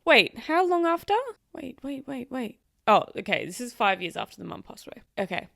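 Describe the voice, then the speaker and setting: An outspoken woman hosts a casual reaction chat and talks straight to her viewers. She sounds animated and swears freely. Her voice sits in the middle of a woman's range, and the recording is dry and close with no room echo. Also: mid-range voice, a little fast, creaky. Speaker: host reacting to online stories.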